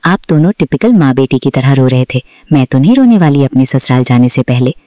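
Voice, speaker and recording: A woman's voice: rumbling low, animated, a little fast, dark tone, no room sound, studio quality. A woman voicing a boastful young woman in a storybook.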